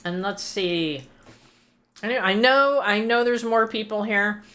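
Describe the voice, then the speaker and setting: A woman's voice: mid-range voice, a little slow, bright, forceful tone. A woman chatting casually on a gaming livestream, greeting and thanking her viewers as she plays. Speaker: game streamer.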